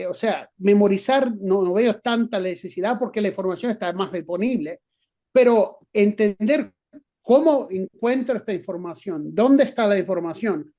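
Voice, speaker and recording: Answering an interviewer's questions, this middle-aged guest professor speaks with an Argentine Spanish accent despite not being from Argentina. He thinks out loud with many fillers and false starts, in a voice that sits high and is a little mellow.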